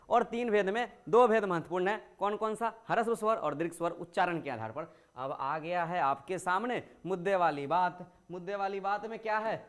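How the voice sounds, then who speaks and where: A man's voice: a little high, smooth. A male teacher giving a grammar lesson to school students. He explains patiently, poses questions and answers them himself, and draws out words to show vowel length.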